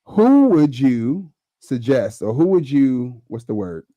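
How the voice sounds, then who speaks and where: An enthusiastic co-host hypes the audience and often stumbles into restarts. The voice is mellow and warm, with very lively pitch. The sound is dry and close. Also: slow pace, dry recording, poor audio. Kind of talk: casual chat.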